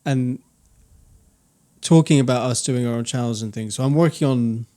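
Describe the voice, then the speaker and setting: A young man speaks at a normal speed in a medium-pitched, dark-toned voice while co-hosting a podcast. The talk is casual and reflective, wandering with repeated restarts.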